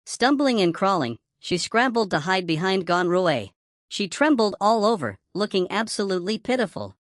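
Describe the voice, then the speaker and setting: A woman narrating a second-person story in a scripted, even storytelling delivery. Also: medium pitch, normal speed, no echo, studio quality.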